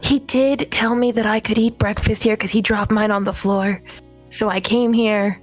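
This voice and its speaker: A woman's voice: medium pitch, fairly even intonation, normal speed, faint music behind. A woman playing a tabletop game, speaking as her character in a sweet, chatty way. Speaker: player.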